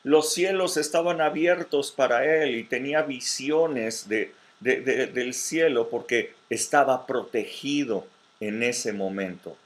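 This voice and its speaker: A man's voice: mid-range voice, slow pace, hardly any pauses. A man pastor leading a virtual Bible study sermon, with many hesitations and repeated words, who checks in with his listeners. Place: virtual meeting.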